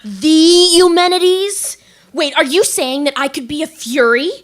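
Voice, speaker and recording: A woman's voice: high-pitched, fairly quick, fairly bright tone. A woman voicing a timid, newly turned female monster with a wondering, politely hesitant manner, who also narrates the audio drama. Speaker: narrator and lead character.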